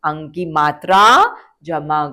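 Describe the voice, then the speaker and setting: A woman's voice: low-pitched, steady tone, slow pace, sharp tone. A woman teaching a phonics lesson to young children, stretching out words, repeating them and asking the children questions. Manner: asks the children questions, then answers. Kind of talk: slow, drawn-out phonics lesson for kids.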